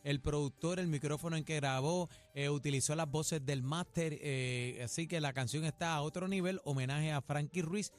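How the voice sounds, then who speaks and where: A Puerto Rican man hosting a radio show, chatting about celebrity gossip in an animated, slangy way. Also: fairly high pitch, moderate pace, few pauses. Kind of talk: casual gossip chat. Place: radio studio.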